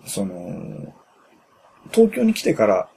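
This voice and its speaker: Low-voiced teasing man with faint room hiss. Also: wildly swooping pitch, takes it slowly, vocal fry, mellow. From Japan, grew up in Shizuoka. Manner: teasing, probing questions, dry asides. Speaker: podcast co-host. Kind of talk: casual late-night chat.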